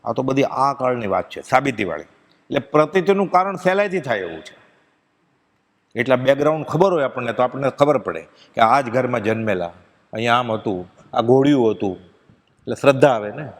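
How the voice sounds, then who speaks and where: A man giving a devotional discourse to a gathering, telling stories with feeling and reciting verses slowly. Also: mid-range voice, lively intonation. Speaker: spiritual discourse speaker. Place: pilgrimage satsang gathering. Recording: long hall reverb.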